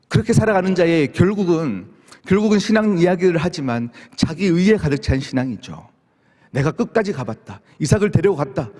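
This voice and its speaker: A man delivers a dawn prayer sermon as pastor, his fairly high voice rising and falling with lively, expressive swings. He often slips into first-person pleas addressed to God. The sound rings out with the long reverb of a church sanctuary.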